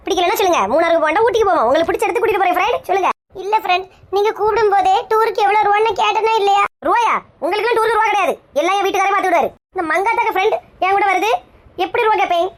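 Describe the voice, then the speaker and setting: A woman with a Kanyakumari Tamil accent playing a touchy, bald, middle-aged village woman who nags and bickers. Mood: grumbling. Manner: shrill, nagging, bickering.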